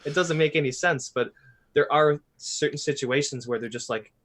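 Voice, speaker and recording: Animated, blunt-talking man. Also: fairly high pitch, normal speed, a little hiss or hum. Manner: animated, blunt, swears freely. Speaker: podcast host. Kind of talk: casual podcast chat.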